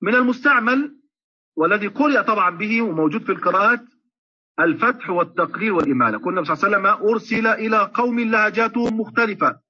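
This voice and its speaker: A man teaching Quran recitation in an online lecture, explaining at length and slowing down to chant example verses. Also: high-pitched, husky. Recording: muffled lo-fi online audio.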